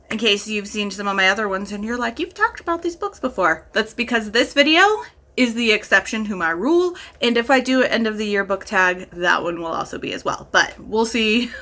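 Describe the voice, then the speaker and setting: A woman with a mid-range, sharp-toned voice chats casually to camera as a vlogger and reviewer. She gushes with enthusiasm and leans hard on emphatic words.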